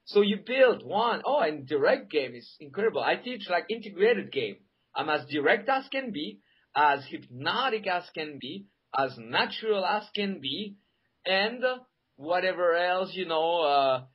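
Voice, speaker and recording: A man, a dating coach, being interviewed and telling lively stories, acting out quotes in different voices. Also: sits high, moderate pace, husky. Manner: animated, acts out quotes in voices. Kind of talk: interview storytelling. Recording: dull lo-fi recording.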